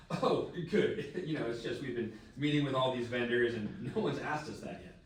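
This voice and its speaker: A man's voice: sits high, sing-song, slow, exaggerated voice. A man reading the part of a sheepish, laughing groom-to-be at a table read. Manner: laughing, unsure. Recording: roomy distant live room recording, faint noise.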